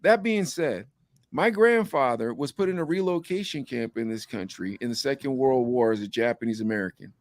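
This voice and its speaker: A man's voice: mid-range voice, animated, a little fast, no room sound. A man hosting a podcast, chatting casually and eagerly pressing his guest with teasing questions. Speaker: podcast host.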